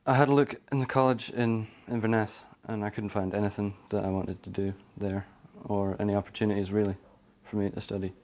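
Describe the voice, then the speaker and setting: A young man with a fairly low voice answers an interview question casually. His pitch moves very little. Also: flat delivery, brisk, hardly any pauses, darkish tone. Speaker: vox pop interviewee.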